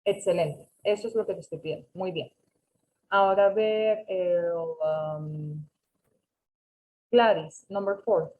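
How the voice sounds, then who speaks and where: A woman's voice: lowish voice, takes it slowly, pauses often, warm tone, rough recording. A woman teaching an English class over a video call, patiently correcting students and mixing with English. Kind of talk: online class instruction.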